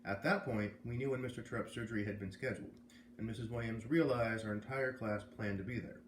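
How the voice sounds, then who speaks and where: An American man with a lowish voice reads a children's novel aloud as a storyteller, tossing in casual asides. His tone stays steady and his pace brisk. The room echoes, with faint noise in the background.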